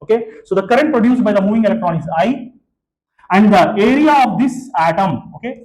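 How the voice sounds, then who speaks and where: A man with a fairly high voice lectures a physics class in Telugu-accented English. He slips into Telugu often and fills pauses with "uh" as he talks through each step. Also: darkish tone, poor audio. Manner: switches between English and Telugu, many fillers and restarts. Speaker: physics teacher. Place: classroom with students present.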